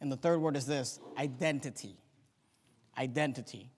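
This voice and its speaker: A male pastor preaching a sermon, emphatic, swinging between loud declarations and quiet asides, and reciting scripture in old-fashioned wording. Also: medium pitch, moderate pace. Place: church sanctuary. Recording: long church hall reverb.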